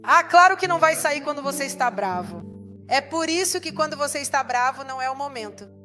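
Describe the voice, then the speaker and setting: Woman, pastor, sermon, high-pitched, emphatic, rhetorical questions, faint background music. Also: expressive, brisk, sharp tone.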